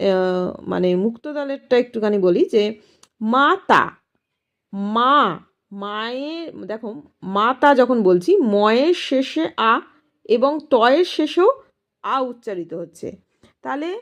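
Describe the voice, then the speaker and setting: Lively-voiced woman teaching a grammar lesson. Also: fairly high pitch, dull audio. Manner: explains step by step, asks and answers her own questions. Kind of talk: casual grammar lesson for students.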